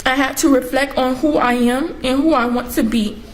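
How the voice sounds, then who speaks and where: Tearful young woman apologising, higher voice. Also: fairly even intonation, moderate pace. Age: teens to young adult. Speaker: defendant giving a statement in court. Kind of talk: prepared courtroom apology statement. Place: courtroom. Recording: noisy courtroom audio.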